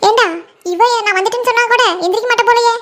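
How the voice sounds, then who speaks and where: A voice actor playing a scolding older village mother-in-law in a cartoon comedy, nagging and shrill. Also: fairly even intonation, quick pace, sharp tone.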